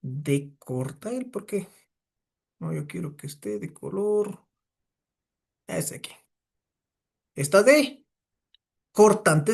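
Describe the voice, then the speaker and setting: A man teaching a physics class, lecturing and firing questions at his students. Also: sits high. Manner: asks the class many rhetorical questions.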